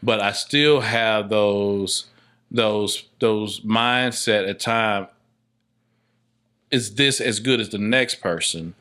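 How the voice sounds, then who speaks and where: A man with a lowish voice and sharp tone speaks slowly as a podcast guest in a casual interview. He is a filmmaker and stage play director, and he often repeats words as he reasons things out.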